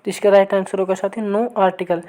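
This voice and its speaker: A woman teaching an online grammar lesson, who keeps asking her viewers for the right answer and reads each sample sentence slowly and again. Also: mid-range voice, little pitch movement, dark tone. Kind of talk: online exam-prep lesson.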